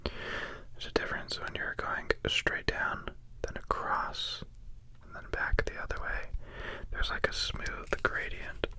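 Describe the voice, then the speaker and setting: A person giving hushed ASMR commentary while carving soap, whispering in an unhurried murmur and softly repeating words. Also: poor audio.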